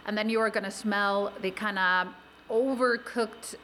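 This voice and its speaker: A woman's voice: mid-range voice, fairly even intonation, unhurried, fairly bright tone, a little hiss or hum, low-quality recording. Chatty woman explaining at a distillery. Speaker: distillery worker. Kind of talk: radio interview answers. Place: working distillery.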